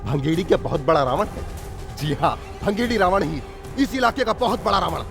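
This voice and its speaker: Leering village villain. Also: male voice, high-pitched, animated, brisk, vocal fry, over music. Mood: menacing. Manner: taunting, mocking laughter. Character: menacing village strongman villain, leering and arrogant. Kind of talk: Hindi film dub.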